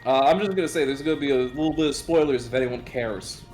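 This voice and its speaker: A man streaming a game, chatting casually with friends, animated and swearing often as he mimics characters. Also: mid-range voice, fast talker, soft background music. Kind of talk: casual gaming chat.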